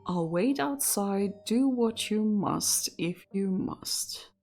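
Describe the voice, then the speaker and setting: Woman reading lines for a curt impatient lady showing the house, slow and flat. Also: mid-range voice, soft background music.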